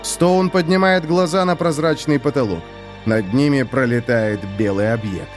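A man narrating a dramatic story in an expressive storytelling manner. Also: medium pitch, normal speed, faint music behind.

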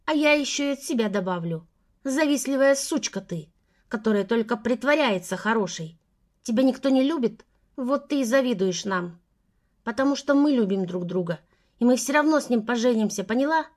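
A woman voicing a hateful, furious teenage girl who lashes out in loud, spiteful outbursts. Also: medium pitch, expressive, normal speed, close to an everyday voice.

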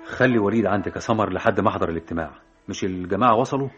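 A man's voice: lowish voice, racing, close to an everyday voice. An actor playing a stern, short-tempered engineer and father with an Egyptian accent in an old radio drama. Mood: businesslike. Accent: Egyptian Arabic. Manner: curt, brusque, impatient. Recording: dull old radio recording with music.

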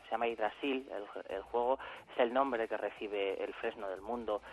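A man from Spain, a regular contributor to a radio show, explains role-playing games from Salamanca, away from the studio. He sounds hesitant, with many fillers, repeated words, and restarts. His voice is on the low side with fairly even intonation at a moderate pace, and the recording is muffled.

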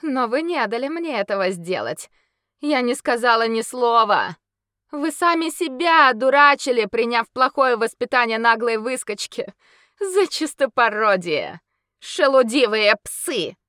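A woman's voice: mid-range voice, lively intonation, normal speed, a bit bright, no room sound, clean studio sound, pitched above the performer's own voice, natural voice. A woman voicing a proud female werewolf noblewoman with a ringing, melodious voice. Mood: furious. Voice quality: ringing, melodious, snarling when angry.

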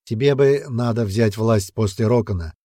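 A man's voice: on the low side, mellow, no echo, studio quality, lightly acted. A man voicing a stern old clan keeper. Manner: slow, weighty, bloodthirsty approval.

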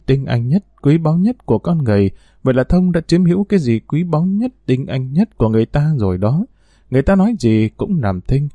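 A man's voice: mid-range voice, dry recording, highs cut off, natural voice. A man voicing a flirtatious, haughty wealthy woman, coquettish with her lover and cold to her servant.

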